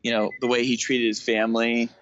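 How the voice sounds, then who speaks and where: A man's voice: mid-range voice, little pitch movement, brisk, a bit bright. A man co-hosting a casual podcast chat, joking and teasing his co-host. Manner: joking, teasing, laughs easily. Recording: dull lo-fi mic.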